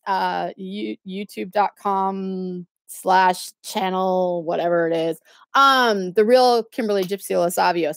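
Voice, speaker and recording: A woman's voice: medium pitch, vocal fry, no room sound, studio quality. A middle-aged woman chatting casually on a livestream, sassy and snarky, laughing often and filling gaps with lots of ums. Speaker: YouTube live streamer.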